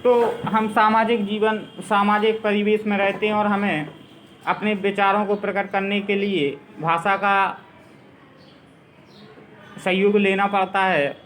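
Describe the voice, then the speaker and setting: A man teaching a school grammar lesson, explaining slowly and repeating his examples. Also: sits high, fairly bright tone, slight background noise, poor audio.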